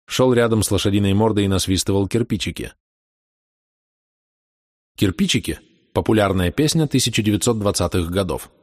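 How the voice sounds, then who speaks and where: A man narrating an audiobook in a measured, even storytelling manner. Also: lowish voice, dry recording, clean studio sound. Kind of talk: scripted narration.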